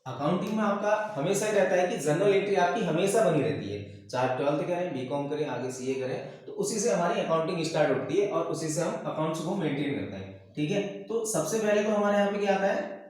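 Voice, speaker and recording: A man's voice: high-pitched, expressive, fairly quick, darkish tone. A man teaching a commerce lesson, repeating key terms and checking in with "okay" and "right" after each point. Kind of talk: classroom lecture. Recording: very echoey room.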